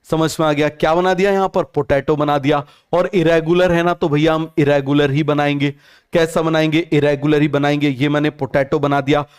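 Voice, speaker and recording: This is an online class lecture on biology from a young man whose voice is a little high, level in tone, and smooth, moving at a moderate pace. He asks questions only to answer them himself, restates each term several times, and switches English terms into Hindi.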